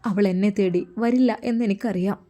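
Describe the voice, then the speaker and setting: A woman's voice: mid-range voice, normal speed, dark tone, close to an everyday voice. A woman with a Malappuram Malayalam accent voicing a feverish, heartbroken young man who talks in a weary, tearful way.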